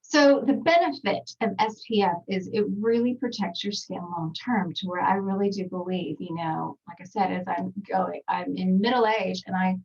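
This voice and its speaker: This skincare trainer, a woman in her forties from Texas with a Texan accent, gives a chatty, filler-heavy webinar from a small home studio. Her voice is on the low side, darkish and breathy, recorded from a distance with lo-fi sound.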